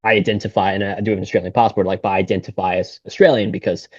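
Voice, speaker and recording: A golf shop owner in his thirties from Singapore, who speaks with an American accent, chats casually as an interview guest, rambling a bit with frequent fillers and restarts. His voice is lowish, husky, and racing, in a muffled recording without echo.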